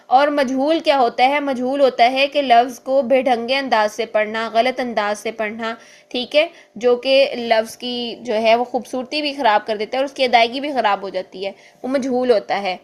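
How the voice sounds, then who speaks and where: A woman teaching Quran reading, explaining patiently and slowing down to show each sound. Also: on the high side, steady tone. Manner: patient, repeats points, slows to demonstrate sounds. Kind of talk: explanatory lesson with recited examples.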